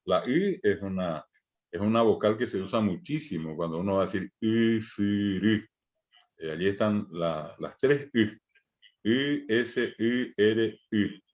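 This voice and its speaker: A middle-aged man with a Paraguayan Spanish accent teaching a language class, patiently repeating example words, often pausing on "eh". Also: fairly low pitch, darkish tone, muffled recording.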